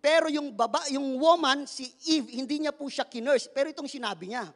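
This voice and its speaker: A man's voice: very high-pitched, brisk, long reverb tail. A male pastor preaching a sermon in a playful way, joking with the congregation, asking for their replies, and mixing English phrases into his talk. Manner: mixes English phrases into speech.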